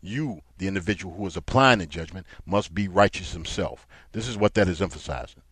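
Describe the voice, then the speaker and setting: A low-pitched man preaching, reading scripture aloud and then explaining it. His voice rises in force as he drives his points home. The sound is dry and close. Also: brisk, a bit bright, breathy edge, no room sound. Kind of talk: Bible teaching sermon.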